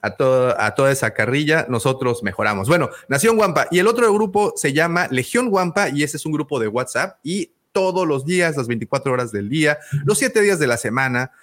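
Rambling Mexican podcast host. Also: male voice, a little high, expressive, brisk, hardly any pauses, fairly bright tone. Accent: Mexican Spanish. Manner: rambling, full of fillers and restarts. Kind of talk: casual podcast chat.

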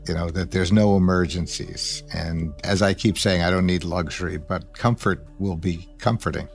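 A middle-aged man speaks in a low register with plenty of gravel. He sounds like a podcast guest, reflecting in plain conversational talk. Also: normal speed, faint music behind. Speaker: podcast guest seeking financial advice.

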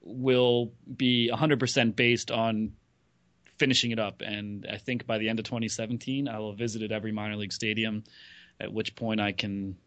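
A man's voice: lowish voice, little pitch movement, moderate pace, fairly bright tone, dry recording. Wry late-thirties man on a podcast. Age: 30s. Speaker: podcast regular, blogger. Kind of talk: casual podcast chat.

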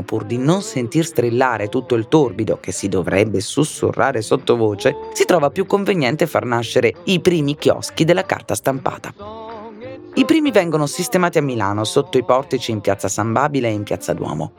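A man narrating a scripted story in a theatrical, lively way, with ironic asides. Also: mid-range voice, normal speed, faint music behind.

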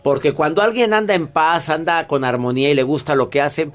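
A man, a guest psychologist giving advice on a radio show, acting out angry and calm voices and dropping to a soft low tone for the calm ones. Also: brisk. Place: radio booth.

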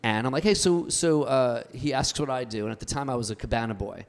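A man's voice: medium pitch, expressive, fast, clear, resonant tone. A man in his fifties telling a long personal story in casual podcast chat, rambling with restarts and acting out what people said. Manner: rambling storyteller, many restarts, acts out quotes. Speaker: podcast guest.

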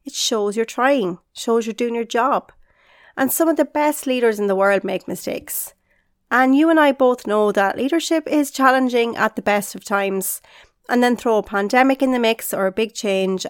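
A woman hosts a solo podcast with an upbeat, encouraging tone, speaking directly to the listener in a slightly high voice at normal speed. She's a leadership coach, and she sounds a bit congested and nasal from being unwell. The studio-quality recording has no room sound.

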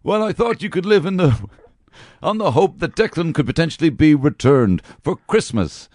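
A man's voice: on the high side, big pitch swings, moderate pace, darkish tone, no room sound, studio quality. A man playing Santa Claus, hesitant and laughing through his lines. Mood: amused. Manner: keeps breaking into laughter, hesitant. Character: giggly, embarrassed Santa Claus.

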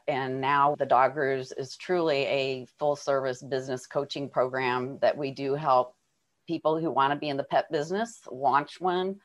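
A woman's voice: extremely low pitch, dull audio. A woman guest on a radio interview, explaining her work earnestly. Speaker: guest, dog business coach.

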